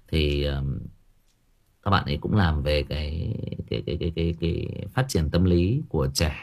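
A man's voice: rumbling low, a little slow, creaky, long pauses. A man hosting a casual talk show, rambling and repeating himself as he talks about raising teenagers. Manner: rambling, repeats words, animated.

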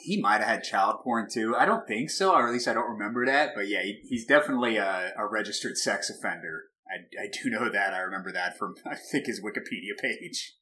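Male co-host, casual film-chat, bright tense tone, laughs a lot. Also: fairly low pitch, lively intonation, brisk, hardly any pauses. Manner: chatty, laughs often, frequent restarts. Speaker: podcast co-host.

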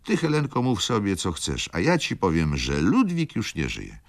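A man's voice: low voice, wildly swooping pitch, normal speed, dry recording, pitched above the performer's own voice, full character voice. A man voicing a stern, grey-haired old mother in an audiobook reading, speaking in an agitated, declamatory way. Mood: indignant.

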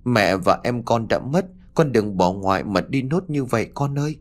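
A man's voice: medium pitch, lively intonation, normal speed, lightly acted. A man playing a sobbing old grandmother. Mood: wailing. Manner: crying, pleading. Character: distraught grandmother weeping over her grandson.

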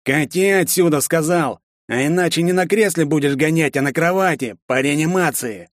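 A man's voice: sits high, lively intonation, normal speed, dry recording, studio quality, voice pushed up. A man voicing a nasal, menacing red-haired young male street thug in an audiobook. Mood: threatening. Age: young adult. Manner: menacing, mocking. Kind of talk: audiobook character voice.

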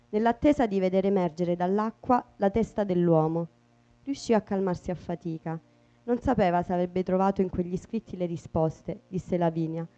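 A woman giving a calm, measured reading of a novel excerpt. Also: fairly low pitch. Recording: dull lo-fi recording.

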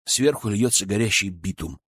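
Brief: narrator voicing a sober young man, low and plain. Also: expressive, normal speed, fairly bright tone, slightly rough, dry recording. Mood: grim.

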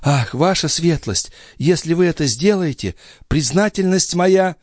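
A sly young maid pleads and flatters in a voice pushed far up, as a male narrator puts her on. The sound is close and dry, with lively swings of pitch. She begs and coaxes with feigned despair. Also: a little slow, no room sound. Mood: imploring. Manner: pleading, coaxing. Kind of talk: audiobook character voice.

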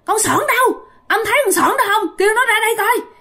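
A woman's voice: very high-pitched, animated, fast talker, bright, forceful tone, voice pushed up, full character voice. A woman voicing a possessed young woman, a ghost who screeches her demands. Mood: demanding.

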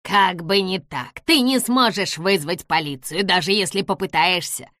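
A shouting, gloating little man bent on revenge, as a woman narrator puts him on. His voice rises loud and harsh, and it sounds dry and close. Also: mid-range voice, moderate pace, no room sound, lightly acted. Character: spiteful vengeful little old man gloating.

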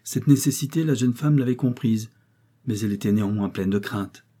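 Husky-voiced male audiobook narrator. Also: lowish voice, fairly quick. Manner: steady storytelling. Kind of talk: scripted narration of a novel.

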